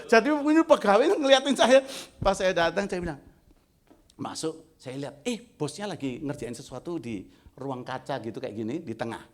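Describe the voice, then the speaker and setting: Animated man preaching a story. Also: a little high. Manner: animated storytelling, acting out both sides of dialogues. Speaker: pastor. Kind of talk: sermon testimony.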